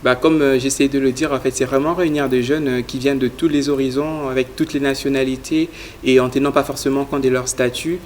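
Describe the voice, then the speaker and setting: Here a young Congolese guest talks through his youth leadership project during a studio interview, his mid-range voice moving a little fast. The delivery is earnest and level, peppered with fillers, and there's slight noise behind him.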